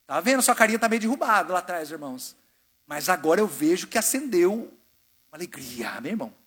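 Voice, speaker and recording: Brazilian pastor, high and bright. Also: male voice, big pitch swings, quick pace, slightly rough. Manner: exhorting, call-and-response with congregation; swings between loud preaching and quiet asides. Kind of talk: sermon. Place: church sanctuary.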